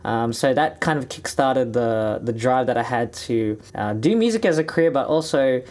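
Over music, a young Australian from Sydney talks expressively at a moderate pace in a mid-range voice. He's a musician and vlogger filming a chatty, upbeat direct-to-camera vlog in a small indoor studio, hands moving constantly.

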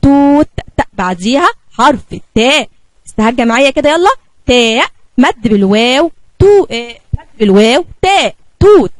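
High-voiced Egyptian woman teaching letters. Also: lively intonation. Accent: Egyptian Arabic. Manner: slow, drawn-out sounding of letters for children. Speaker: kindergarten teacher. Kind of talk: spelling lesson for young children.

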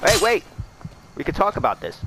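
A young man giving profane let's play commentary, muttering low and then shrieking in panic. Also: wildly swooping pitch, fairly quick, creaky, background noise. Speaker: gamer.

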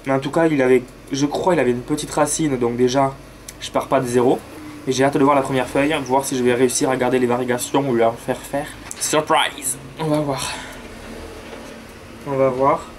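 A man's voice: mid-range voice, steady tone, quick pace, slight background noise. A man with a southern French accent chatting enthusiastically about his plants outdoors, with slangy asides. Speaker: plant vlogger. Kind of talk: casual chat. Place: outdoors near a road with cars and planes.

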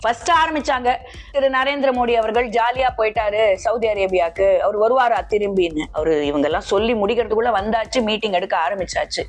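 A woman's voice: on the high side, quick pace. A woman making an emphatic political statement, mixing in English phrases. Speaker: political speaker. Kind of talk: press statement.

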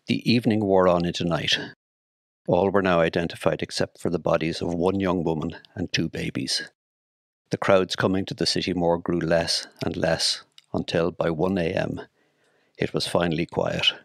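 A man with an Irish accent narrating a memoir in a measured, solemn, deliberate way. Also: deep voice, gravelly, fairly bright tone, no room sound. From Ireland. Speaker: storyteller recalling his work at the city morgue.

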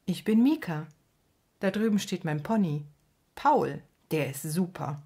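A woman's voice: fairly low pitch, lively intonation, measured pace, dark tone, breathy edge, exaggerated voice. A woman reading aloud, voicing a curious, proud young boy in a storybook. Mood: friendly. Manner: earnest, indignant when challenged.

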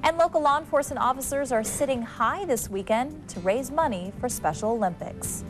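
A woman's voice: high-pitched, lively intonation, brisk, soft background music. Woman anchoring a local TV newscast. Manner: crisp scripted news reading. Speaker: news anchor. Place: TV news studio.

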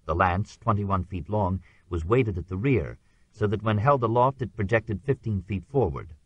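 A man narrating a history audiobook in a measured, even reading. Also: deep voice, dry recording, dull audio.

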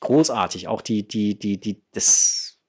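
A toy unboxing vlogger, a man in his forties, addresses viewers as friends while he unboxes something indoors in a small room adorned with framed posters. His lowish voice is a bit mellow with a breathy edge, and he takes his time. He sounds casual and enthusiastic throughout.

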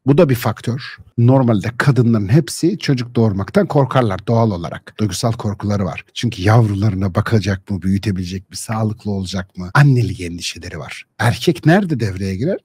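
Husky-voiced man lecturing combatively. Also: medium pitch, a little mellow, no echo. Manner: combative, scornful, rhetorical questions; blunt slang, addresses listeners directly. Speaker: lecturer on social issues. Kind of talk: heated spoken monologue.

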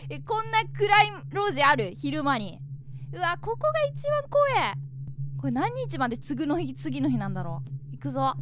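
Lively high-voiced woman reacting to horror game. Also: normal speed, noisy background. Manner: animated, jumpy, refers to herself by name. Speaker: game streamer. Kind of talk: horror game let's play commentary.

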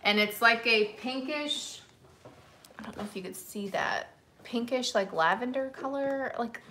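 A woman's voice: a little high, measured pace, sharp tone, a little hiss or hum. A middle-aged woman hosting a live vintage sale, chatty and rambling, running the show in casual talk. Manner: rambling, chatty, takes over the conversation. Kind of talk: casual live-stream selling chat.

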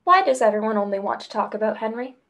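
A woman's voice: a little high, lively intonation, fast, a bit bright. A woman reading a shy young guitarist. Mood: embarrassed. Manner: reserved, brushing off teasing. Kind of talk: script read-through.

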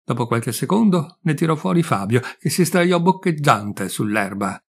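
A man narrating a short story in a measured, deliberate reading voice. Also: on the high side, expressive, vocal fry, slightly rough. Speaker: audiobook reader.

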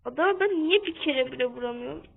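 A young-sounding woman giving casual gameplay commentary for her channel, half-shouting and keeping up a running chat with her viewers. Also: sits high, expressive, fast, gravelly. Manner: talks a bit loudly on purpose, keeps calling out to viewers. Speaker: gaming channel host. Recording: tinny phone-like sound.

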